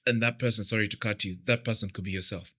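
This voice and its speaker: Easygoing man, bright voice. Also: fairly low pitch, steady tone, fast talker. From Kenya. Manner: easygoing, joking. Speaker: podcast guest, pilot. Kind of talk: casual podcast chat.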